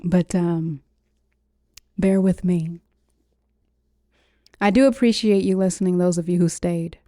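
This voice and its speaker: Mellow-voiced woman urging listeners on. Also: on the low side, no room sound, clean studio sound. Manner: urgent, preaching, repeats phrases for emphasis. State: slightly wheezy. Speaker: podcast host. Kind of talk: impassioned solo podcast monologue.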